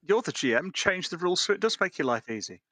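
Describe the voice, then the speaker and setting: A man's voice: sits high, sing-song, fast talker, fairly bright tone, a little hiss or hum. A man playing a tabletop game, pushing the game master to bend the rules. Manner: wheedling, pushy with the rules. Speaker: player. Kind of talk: casual game banter.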